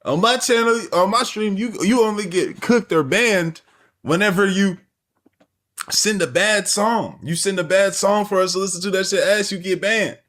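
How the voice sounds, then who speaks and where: A man's voice: sits high, moderate pace, fairly bright tone. A man streaming and reacting to a video, talking in a loose, rambling, slang-heavy casual way. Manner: slangy, loose and rambling, lots of "you feel me". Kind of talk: casual chat.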